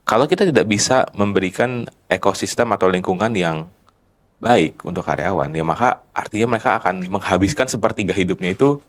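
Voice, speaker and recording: Deep-voiced man explaining at length. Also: lively intonation, fairly quick. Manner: explanatory, lays out points step by step. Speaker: guest, company founder. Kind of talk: casual podcast conversation.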